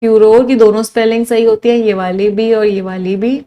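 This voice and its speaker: A woman's voice: on the high side, flat delivery, brisk, warm tone, low-quality recording. Indian woman teaching English vocabulary. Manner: lists words one by one, quizzes students. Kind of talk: online vocabulary lesson.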